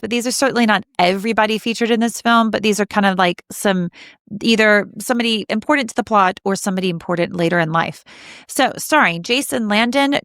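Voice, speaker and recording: A chatty Southern American woman in her thirties co-hosts a film podcast, talking in an animated rush that stumbles and restarts as she goes. Her voice sits at an ordinary middle pitch and is recorded close and dry, with no room sound around it. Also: no room sound. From Southern United States. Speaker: podcast co-host. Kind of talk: casual film podcast chat.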